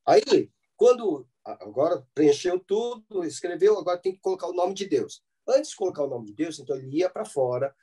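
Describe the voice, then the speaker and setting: A man's voice: on the high side, expressive, fairly quick, warm tone, breathy edge. A man with a Brazilian Portuguese accent teaching a church theology class, explaining step by step and often checking in with his listeners. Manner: explanatory, with frequent "né?" and "tá?" check-ins.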